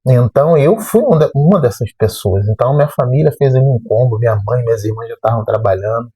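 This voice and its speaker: A man, a math teacher telling a personal story in a lively way and acting out remembered dialogue. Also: mid-range voice, fast talker, husky, no room sound, rough recording. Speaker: math teacher and channel host.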